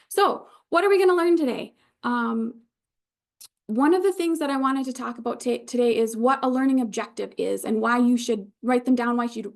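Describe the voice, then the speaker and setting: A woman's voice: on the high side, creaky, a little mellow. A woman with an Upper Michigan Yooper accent leading an online training as an informal, conversational instructor who reassures her learners. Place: live online video session.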